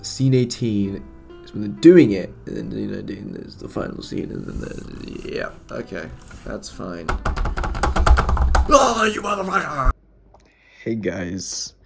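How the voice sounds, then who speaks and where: A man's voice: fairly low pitch, measured pace, creaky, over music. A man animating at his computer, talking to himself in a rambling, fretful way with many restarts. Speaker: animator and video creator. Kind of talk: casual self-talk while working.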